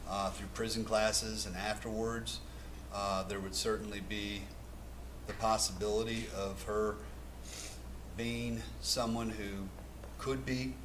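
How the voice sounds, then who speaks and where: A man speaking as a defense attorney, making a hesitant, measured plea to the court. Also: on the low side. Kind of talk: halting plea for leniency in court. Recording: noisy courtroom microphone.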